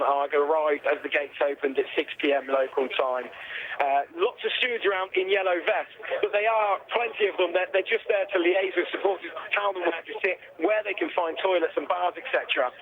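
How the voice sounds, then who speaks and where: Over a thin, tinny phone line, a man with an English accent gives an eyewitness report. His voice is notably high for a man, in the manner of a radio reporter on the scene. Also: brisk, a crowd in the background.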